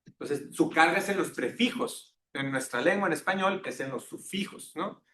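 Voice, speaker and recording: Guy teaching a class, kinda high voice, roomy echo and faint rumble behind. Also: normal speed, bright, forceful tone. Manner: engaging, keeps checking in with tag questions. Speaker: lecturer. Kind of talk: classroom lecture.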